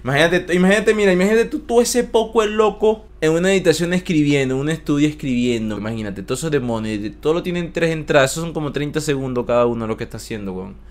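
A man with a Venezuelan accent, casually reacting to rap verses on a stream in a slangy, excitable way. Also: on the high side, fast, hardly any pauses. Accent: Venezuelan Spanish. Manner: slangy, excitable, keeps saying "brother" and "¿me entiendes?".

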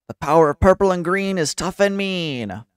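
A man's voice: high-pitched, animated, clean tone, no room sound, studio quality, voice pushed up. Man doing a sneering bandit thug. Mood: gloating. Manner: sneering, drawn-out. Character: snarky male bandit thug, mean, boastful.

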